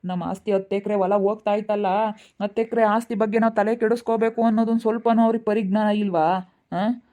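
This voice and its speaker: A woman's voice: medium pitch, level tone, fast talker, warm tone, dull audio, natural voice. A woman, acting a grieving middle-aged farm woman who keeps lamenting her lost land in a village family drama. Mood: bitter pleading. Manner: lamenting, repetitive pleading speech.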